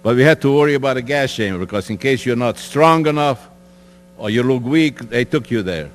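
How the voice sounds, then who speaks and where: An elderly man tells his story to students in a plain, direct way, stopping now and then to talk straight to them. His voice sits at an ordinary middle pitch. It rings with a long echo through a school hall, over a faint mains hum. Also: animated, brisk. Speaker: Holocaust survivor speaker.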